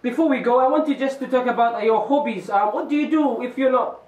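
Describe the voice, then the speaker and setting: A teenage boy with a New Zealand accent hosts an amateur school show in stiff, formal interviewer phrases. His voice sits notably high. He sounds set back from the mic in an echoey room. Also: quick pace, a little mellow, far from the mic. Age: teens. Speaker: student host of a school boarding-house show.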